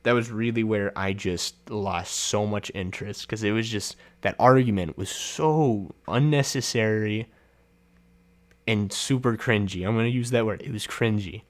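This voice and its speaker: A man's voice: fairly low pitch, normal speed. A man hosting a casual solo film review, chatty and laughing often, with many fillers and restarts.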